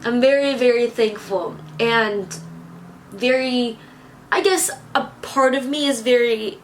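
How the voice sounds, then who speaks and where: A woman's voice: fairly high pitch, slow pace, a little hiss or hum. A woman of twenty-one, holding back tears as she rambles to her camera in a casual vlog. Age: 20s. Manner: tearful, rambling and self-reassuring. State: teary, on the verge of crying. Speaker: vlogger.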